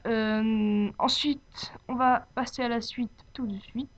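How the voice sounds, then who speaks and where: Girl doing a homemade software tutorial, kinda high voice, hesitant and unscripted, muffled lofi mic. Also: fairly even intonation, takes it slowly. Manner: hesitant, searching for words. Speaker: tutorial presenter. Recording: dull lo-fi home microphone.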